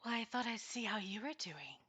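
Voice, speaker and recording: A woman voicing a gentle, wise unicorn in a soft, breathy near-whisper for a tabletop fantasy game. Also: mid-range voice, expressive, brisk, dry recording. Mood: gentle, approving. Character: gentle, wise unicorn speaking telepathically in the mind. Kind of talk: tabletop fantasy role-play.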